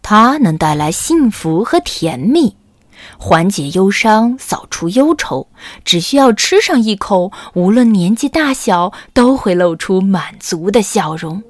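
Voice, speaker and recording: Woman voicing a slow, wise old camel. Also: medium pitch, lively intonation, no echo, studio quality. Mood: soothing. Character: wise, kindly camel cake master.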